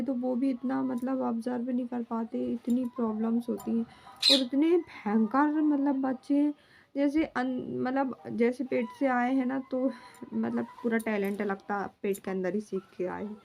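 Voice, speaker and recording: A young woman, a mother, chatting casually to her vlog audience at home in a rambling, homely way, often filling pauses as she talks. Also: high voice, fairly even intonation, creaky, darkish tone. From India. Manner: rambling and homely, fills with "matlab".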